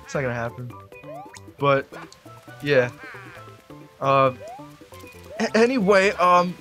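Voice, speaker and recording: Man, gamer, rambling commentary, excitable outbursts, a bit high-pitched, faint music behind. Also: slow. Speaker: gamer doing a Let's Play. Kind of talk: casual gameplay commentary.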